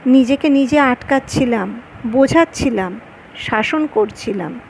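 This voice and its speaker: A woman reading the lines of an earnest grown man in love who is quick to anger, in her own high voice. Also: lively intonation, vocal fry, slight background noise, poor audio.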